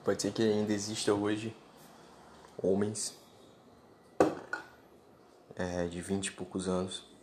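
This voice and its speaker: A man's voice: lowish voice, flat delivery, slow pace, long pauses, noisy background. A man delivering a blunt, lecturing solo monologue to his podcast listeners, speaking informally and bluntly. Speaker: podcast host.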